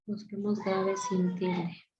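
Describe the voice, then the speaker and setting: A woman teaching a class, repeating words aloud slowly as she points them out. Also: mid-range voice, level tone, a little mellow, slight background noise. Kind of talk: classroom lesson. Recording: dull lo-fi sound.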